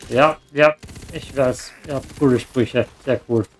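A man's voice: medium pitch, steady tone, a little slow, slight background noise. A man giving casual commentary while playing a video game, with joking, sarcastic asides. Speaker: let's play gamer.

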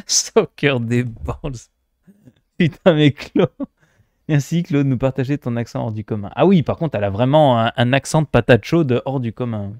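A man from France commenting casually on a game he is streaming, playful and quick to laugh. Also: medium pitch, a little mellow, no room sound. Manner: playful, laughing, mimics accents.

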